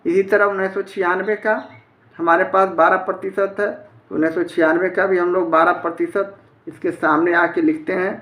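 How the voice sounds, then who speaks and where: A man's voice: high voice, little pitch movement, moderate pace, fairly bright tone. A man teaching a step-by-step math lesson, explaining methodically in a plain way. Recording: echoey room.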